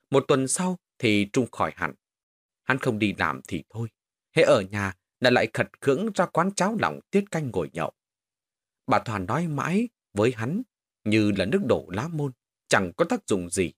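Man telling a lively ghost story. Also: lowish voice, slightly rough, no echo, clean studio sound. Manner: animated storytelling. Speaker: narrator.

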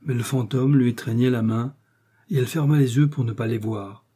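A man reading a classic tale aloud as an audiobook narrator, calm and measured. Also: medium pitch, slightly rough.

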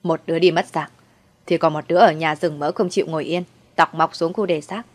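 A woman narrating a dark story in a steady, dramatic way. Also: low voice, a little fast.

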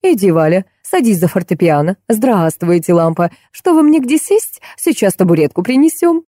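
A woman's voice: medium pitch, very animated, normal speed, warm tone, no room sound, studio quality. A woman reading an audiobook, voicing a big, commanding female gym teacher. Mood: bossy.

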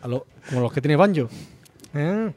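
A man from Murcia, Spain, hosting a podcast and telling stories about a video game in an animated, swear-heavy casual chat. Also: fairly high pitch, normal speed. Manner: animated storyteller, swears freely. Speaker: podcast host.

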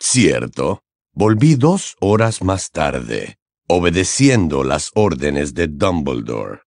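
A man voicing a calm, calculating, sardonic man in an audiobook, speaking slow, low and measured. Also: no echo, studio quality, full character voice. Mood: cold. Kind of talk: audiobook character voice.

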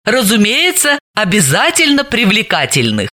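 A woman's voice: medium pitch, huge pitch swings, moderate pace, pushed and bright, pitched above the performer's own voice, full character voice. A woman voicing a stern, exasperated woman investigator in an audiobook, firm and scolding. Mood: businesslike. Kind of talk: audiobook character voice.

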